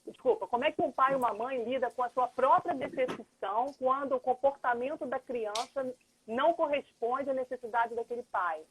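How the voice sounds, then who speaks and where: A woman's voice: sits high, normal speed, husky. A middle-aged woman, a lawyer and mediator explaining things earnestly as a guest in a live chat, thinking aloud. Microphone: phone or computer on a video call. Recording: tinny phone-like livestream audio.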